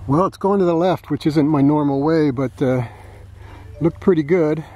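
A man giving relaxed running commentary while flying a model plane outdoors, thinking aloud with fillers. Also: a little high, moderate pace. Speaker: model aircraft flyer. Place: open grassy field outdoors.

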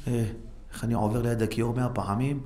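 A rabbi giving an animated Torah lesson, exhorting his listeners with repeated rhetorical questions and acting out quoted voices. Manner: animated, acts out quoted voices with sharp pitch jumps. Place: synagogue hall. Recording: faint background noise, live stream.

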